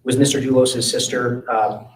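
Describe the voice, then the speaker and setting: A man working as an attorney, questioning a witness in a courtroom in a brisk, methodical way. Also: mid-range voice, flat delivery, recorded from a distance, noisy background. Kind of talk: courtroom examination. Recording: roomy courtroom audio from afar.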